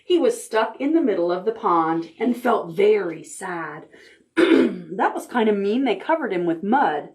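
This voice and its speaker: Very animated and mid-range, this female voice belongs to a librarian reading picture books to preschoolers. She stops to ask the children questions, and her storytime delivery is gentle and deliberate.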